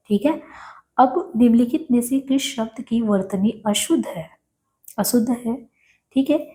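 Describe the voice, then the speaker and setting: A woman's voice: on the high side, mellow. A woman teaching an exam-prep spelling lesson, repeating each word and answering her own questions. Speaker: Hindi teacher.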